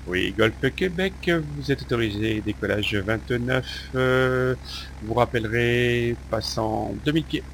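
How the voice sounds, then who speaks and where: A man working as air traffic controller, giving radio clearances in a halting way. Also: medium pitch. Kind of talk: radio clearances with standard phraseology. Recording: noisy radio with engine hum.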